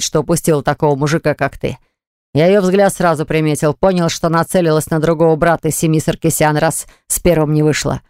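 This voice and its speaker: An audiobook narrator voicing a smug, scornful man who gloats and yells when pinned down, in a smooth voice. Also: medium pitch, no echo, clean studio sound, natural voice.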